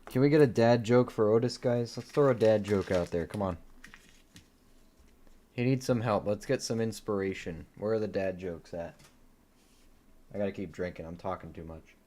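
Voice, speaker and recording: Mellow low-voiced man hosting a coin stream. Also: normal speed, pauses often. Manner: reads coin dates off in a quiet murmur, chatty asides; easygoing, laughs at his own dad jokes. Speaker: coin-hunting live-stream host. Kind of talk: casual live-stream commentary.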